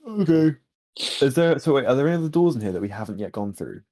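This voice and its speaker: A man's voice: medium pitch, very animated, fast talker, dark tone. A man playing a tabletop game, asking questions in casual chat.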